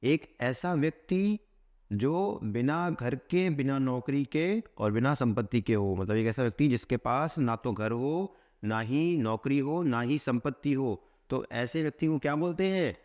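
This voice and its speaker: A man teaching exam vocabulary at a steady middle pitch. He keeps asking a question and then answering it with the key word said twice. He reads English phrases out slowly, one word at a time. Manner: asks a question, then answers it with a repeated keyword. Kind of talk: explaining a vocabulary lesson.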